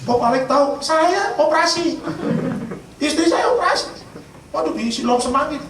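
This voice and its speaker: Male pastor, high-pitched, jokey storyteller; distant mic in a booming hall. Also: moderate pace. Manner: storytelling with humor, addresses congregation as Bapak Ibu. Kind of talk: sermon. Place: church. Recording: echoey church hall from far off, noisy.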